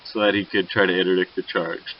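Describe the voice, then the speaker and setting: A man's voice: sits low, little pitch movement, fast talker. A man casually recapping a tabletop wargame turn by turn, rambling and correcting himself, sleepy and yawning. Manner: rambling, loose, self-correcting. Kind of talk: casual battle report narration. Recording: dull lo-fi recording with faint hiss.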